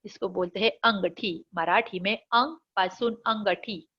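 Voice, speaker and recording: Lively teacher woman, slow sing-song words. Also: medium pitch, muffled recording. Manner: warm, enthusiastic addressing of children. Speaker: primary school teacher. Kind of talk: children's vocabulary lesson.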